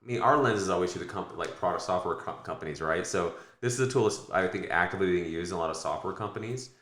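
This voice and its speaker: A very deep-voiced American man talks quickly on a podcast, looping through fillers and restarts as he works out his points. The sound carries the echo of a live room. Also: fairly bright tone. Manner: rambling, self-correcting, many fillers. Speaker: podcast co-host. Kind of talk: casual podcast chat.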